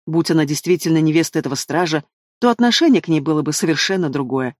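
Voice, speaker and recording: A man's voice: a little high, quick pace, no room sound, clean studio sound, natural voice. A man reading an audiobook, voicing a spiteful, scornful queen who hisses her threats. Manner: hissing, scornful. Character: spiteful hissing queen, cruel stepmother.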